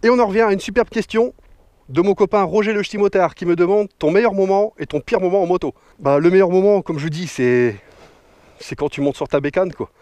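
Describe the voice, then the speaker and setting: Answering viewer questions outdoors for his motorcycle vlog, a northern French man in his thirties is jokey and slangy. His high, darkish voice moves a little fast, picked up by an action camera mic with no room sound.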